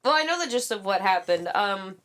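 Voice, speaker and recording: A young woman co-hosting a casual podcast, outspoken and animated, swearing freely as she talks. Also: mid-range voice, fairly quick. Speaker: podcast co-host. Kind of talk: casual chat.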